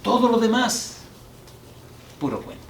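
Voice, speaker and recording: A man pastor preaching in a church, his voice caught from a distance in a roomy, echoing hall with a faint hiss underneath. He tells stories with lively back-and-forth, calling out to the congregation, then slows to read scripture with weight. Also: very high-pitched. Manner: storytelling with call-and-response to the congregation; reads scripture slowly and emphatically. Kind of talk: sermon. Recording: echoey hall from far off, faint noise.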